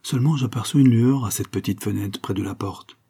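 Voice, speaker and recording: Man doing sharp confident detective, brisk and sure of himself, husky kinda dark voice. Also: fairly low pitch, full character voice. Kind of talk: audiobook character voice.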